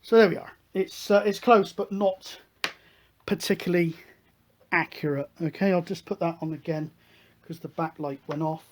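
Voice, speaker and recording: A man's voice: on the high side, normal speed, darkish tone. A British man hosting a hobby electronics video, talking through a hands-on demonstration in a chatty, matter-of-fact way.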